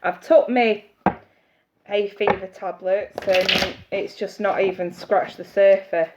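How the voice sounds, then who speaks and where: Her voice medium-pitched and her pace slow, a woman reads tarot live, chatting away and greeting viewers by name while stuffed up with hay fever. A steady hiss runs under the muffled recording.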